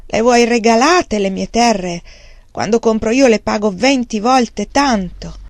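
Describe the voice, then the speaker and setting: A woman voicing a desperate, starving male peasant farmer who shouts his defiance. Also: fairly high pitch, a little slow, dry recording. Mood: indignant.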